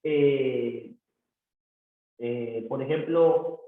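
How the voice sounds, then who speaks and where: A man's voice: mid-range voice, drawn-out words. A male teacher explaining grammar rules with examples, often checking with his students. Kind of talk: grammar lesson. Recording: tinny phone-like audio, very echoey room.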